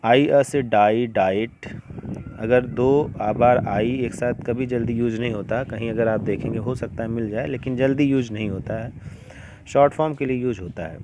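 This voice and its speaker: A man teaching English to beginners, explaining slowly and patiently with many examples. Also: medium pitch, steady tone, background noise. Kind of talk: beginner classroom-style lesson.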